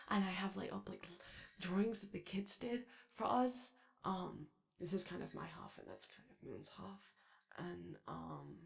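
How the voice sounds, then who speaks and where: An excitable, gentle robot sun character acted out by a woman in an ASMR roleplay. The voice swings widely in pitch and breaks into heavy creak. The delivery is chatty, hesitant and self-conscious, rambling on as it comforts the listener. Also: exaggerated voice.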